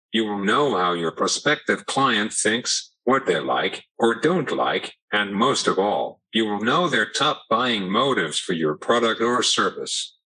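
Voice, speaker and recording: Computer text-to-speech voice, older man in his seventies, sales trainer, slightly low pitch, bright edge, steady even delivery. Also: breathy edge, poor audio. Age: 70s. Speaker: podcast guest, sales trainer. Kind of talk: pre-programmed answers read out by a speech device.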